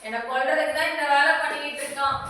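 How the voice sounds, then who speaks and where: A woman's voice: sits high, fairly even intonation, racing, pushed and bright. A woman acting in a comedy skit at home, whining and complaining. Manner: whiny and complaining. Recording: echoey room, far from mic.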